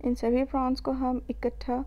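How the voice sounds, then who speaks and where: A woman with an Indian accent, narrating a cooking tutorial as a voice-over and calmly explaining each step, with a few filler pauses. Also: high voice, lo-fi sound. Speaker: cooking channel host.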